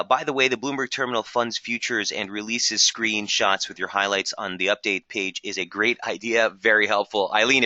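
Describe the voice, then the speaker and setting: Hoarse man with a bright, forceful voice. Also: fairly low pitch, no echo, lo-fi sound. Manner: brisk, technical, addresses viewers as guys. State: losing his voice, clearing his throat. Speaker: market strategist hosting a webinar. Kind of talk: live trading webinar walkthrough.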